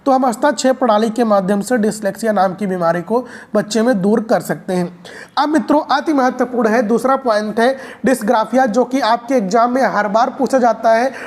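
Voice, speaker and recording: Higher-pitched woman teaching an exam class. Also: a little fast, a little mellow. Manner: repetitive, drilling explanations with frequent "friends" address. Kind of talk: explanatory video lecture.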